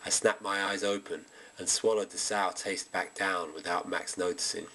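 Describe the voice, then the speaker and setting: A man reading a first-person story aloud in a steady storytelling manner. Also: low voice, normal speed, poor audio. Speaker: reader. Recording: amateur home reading.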